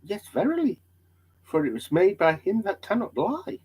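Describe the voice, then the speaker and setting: Man acting a hammy, high-pitched, devout pilgrim. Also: wildly swooping pitch, moderate pace, a little mellow, slightly rough, exaggerated voice. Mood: fervent. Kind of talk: dramatic reading of old allegory.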